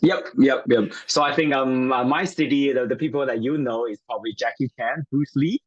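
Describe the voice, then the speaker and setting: A man's voice: mid-range voice, brisk, muffled recording. A man from Taiwan, a native Chinese speaker, talking as a guest chiropractor in a casual interview, friendly and hesitant with many fillers.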